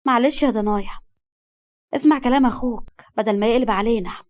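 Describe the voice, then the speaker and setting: A woman with an Egyptian accent voicing a soft-hearted mother who pleads and soothes. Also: fairly high pitch, fast talker, natural voice. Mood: pleading.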